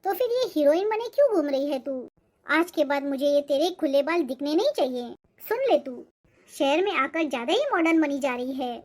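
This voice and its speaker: A controlling middle-aged mother-in-law barks sharp orders. Her voice sits very high and she scolds without pause in this cartoon. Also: expressive. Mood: scolding. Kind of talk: cartoon voice acting.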